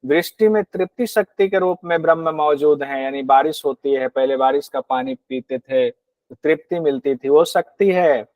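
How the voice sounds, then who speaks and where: The recording is dry and dull, carrying a man whose voice is on the high side and whose pace is normal. Lecturing on scripture in Hindi, he explains verses, answers questions he poses himself, and acts out rude and grudging hosts in quoted asides.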